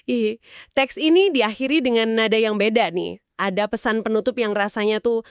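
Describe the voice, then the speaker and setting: A woman's voice: fairly high pitch, normal speed, clean tone, dry recording, studio quality. A woman co-hosting a podcast who sums up points and asks friendly follow-up questions. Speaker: podcast co-host. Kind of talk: casual explanatory discussion.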